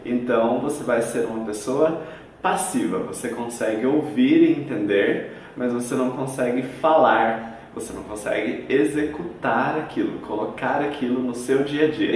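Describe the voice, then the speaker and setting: A Brazilian Portuguese-accented English teacher walks through a language lesson example by example, in a didactic style. His mid-range voice has a darkish tone and sits far from the mic in a very echoey room, with slight background noise.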